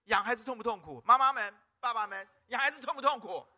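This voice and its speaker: A man's voice: very high-pitched, fast, sharp tone. A male pastor preaching a sermon at a church service, constantly calling out to the congregation with rhetorical questions. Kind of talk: lively sermon.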